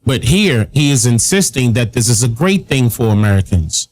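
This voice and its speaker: Man narrator, mid-pitched, even documentary read. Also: moderate pace.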